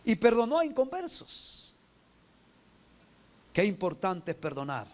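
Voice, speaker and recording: A man preaching a fervent sermon as pastor, calling on the congregation to repeat after him and building to shouted quotations. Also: on the high side. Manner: fervent preaching, swelling to shouts on quoted cries; asks the congregation to repeat and read along.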